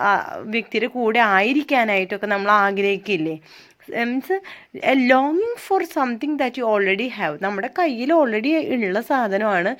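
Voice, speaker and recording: A woman tutor who reads English notes slowly and then explains each point in a relaxed, repetitive way with fillers. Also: a little high. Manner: dictates English points word by word, then explains them freely with fillers and restarts. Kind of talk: exam-prep lecture, English lines read slowly then explained in Malayalam.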